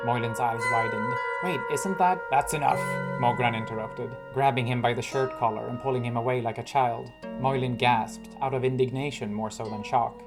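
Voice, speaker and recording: A man reading his own fantasy story aloud in calm, even scripted narration. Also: medium pitch. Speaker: author and narrator. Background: guitar music.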